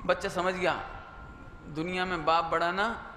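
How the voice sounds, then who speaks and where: A man giving a Jain sermon to an audience, lively and conversational, mixing in English phrases and acting out quoted lines. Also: sits high, unhurried. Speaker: Jain preacher. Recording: echoey hall with faint noise.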